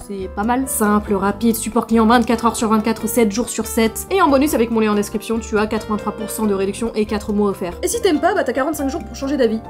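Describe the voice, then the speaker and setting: A woman's voice: fairly high pitch, quick pace, hardly any pauses, over music. Playful sarcastic woman vlogger. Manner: sarcastic, playful, jokey asides. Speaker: YouTuber. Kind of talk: casual vlog monologue with sponsor read.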